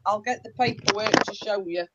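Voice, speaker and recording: A woman's voice: medium pitch, normal speed, muffled recording, crowd noise. A woman co-hosting a casual live stream, chatty and reading out viewer comments.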